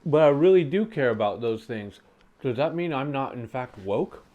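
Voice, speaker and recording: A man's voice: medium pitch, big pitch swings, fairly quick, a little mellow, voice pushed up. A man voicing a flustered male viewer who protests and argues back. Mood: protesting.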